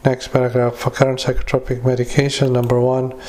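A male clinician dictating clinical notes into a dictaphone recorder, halting with many filler sounds. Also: medium pitch, completely flat delivery, darkish tone. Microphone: handheld dictation recorder.

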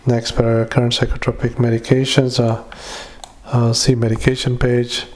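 A man, a doctor, dictating a clinical note into a dictaphone, halting often with fillers and spelling out words. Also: medium pitch, completely flat delivery, a little mellow. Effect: dictaphone recording. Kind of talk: medical dictation.

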